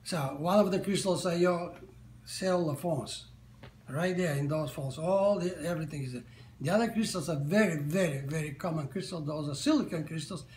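A man in his seventies with a Bulgarian accent, whose first language is Bulgarian, answers interview questions in a halting way, with many fillers and restarts, from a living room sofa. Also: fairly high pitch, a little mellow, slight background noise. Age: 70s. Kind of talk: casual interview. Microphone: camera at medium distance. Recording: echoey room.

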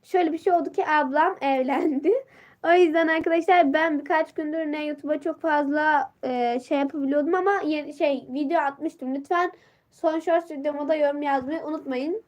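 A woman's voice: sits high, fairly even intonation, a little fast. A teenage girl chatting on a casual live stream, greeting viewers and reading out comments, her voice worn from a sore throat and a stuffy nose.

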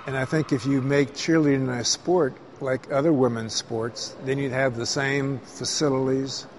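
A man's voice: medium pitch, steady tone, moderate pace, slight background noise. A man giving an expert explanation in a matter-of-fact way during a news interview.

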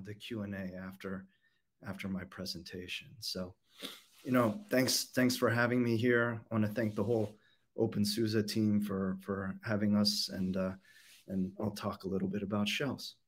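A man's voice: on the low side, level tone, normal speed. A young man, a company CEO, giving a casual conference keynote over a webcam call, full of fillers and restarts. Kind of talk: conference presentation. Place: home or office room. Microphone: webcam video call.

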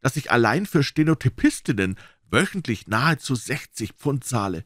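A man voicing an erratic, abrupt young male scholar in a read-aloud crime story, prone to excitable outbursts. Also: mid-range voice, moderate pace, no room sound, studio quality, voice pushed up. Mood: jittery.

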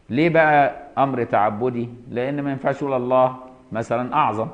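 A man's voice: medium pitch, muffled recording. A man with an Egyptian accent teaching Islamic law, reading a line of a classical text and then explaining it in everyday speech, with frequent checks that his students follow.

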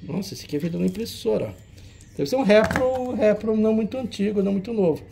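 A man's voice: sits high, fast, creaky, background noise. A man hosting a retro game auction, showing old cartridges in casual, teasing banter. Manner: chatty, teasing, jokey banter with a helper.

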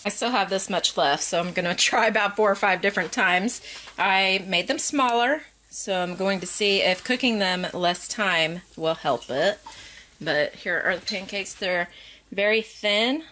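A woman in her thirties chatting casually while filming herself in her kitchen, thinking out loud as she goes. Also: mid-range voice, measured pace, slight background noise. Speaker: family vlogger. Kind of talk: casual vlog chat. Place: home kitchen. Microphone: handheld camera at arm's length.

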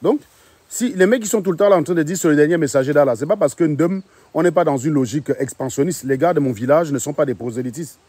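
A man's voice: a little high, fast talker, slightly rough, no echo. A man chatting casually, telling a story with laughs and repeated phrases. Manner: animated, laughing, repeats himself.

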